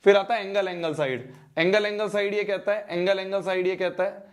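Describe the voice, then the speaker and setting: High-voiced teasing Indian maths teacher. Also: male voice, fairly even intonation, a little fast. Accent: Hindi. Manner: playful teasing, repeats phrases, calls out students by name. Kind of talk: live online class lecture.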